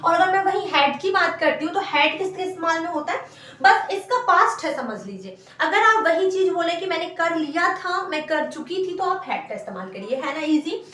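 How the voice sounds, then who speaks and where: A woman's voice: very high voice, animated, moderate pace, sharp tone, recorded from a distance. A woman teaching an English grammar lesson, explaining patiently and repeating every example sentence. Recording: echoey room, voice from afar.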